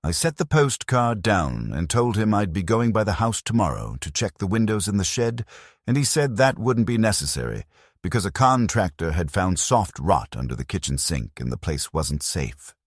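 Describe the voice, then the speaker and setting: An older man narrating a first-person story in a measured, even-toned way with long flowing sentences. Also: low-pitched, dry recording, clean studio sound.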